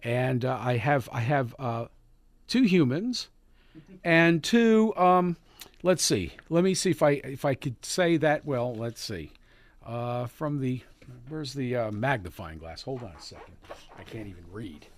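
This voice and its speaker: A man hosting a live morning radio show, chatting in a halting, folksy way from the studio and calling listeners neighbor. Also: medium pitch, lively intonation. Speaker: radio host. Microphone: studio mic.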